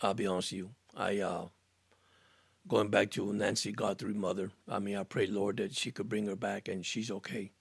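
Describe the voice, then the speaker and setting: Speaking at a normal speed with a flat delivery, this lowish, creaky, husky voice belongs to a man around sixty, Cuban by birth and Miami-raised. He rambles earnestly through a casual sports live stream, answering viewers and frequently restarting or repeating himself. The recording, made on a studio mic, is dry.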